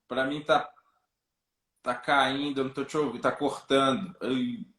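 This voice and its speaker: A man with a Brazilian Portuguese accent, a psychologist guest, speaking in a relaxed, casual way over a crackly, breaking-up call line from a rural home. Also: medium pitch, unhurried. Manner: relaxed, leans on tag questions. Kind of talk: casual interview chat. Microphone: remote video call. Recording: echoey room over a choppy remote call.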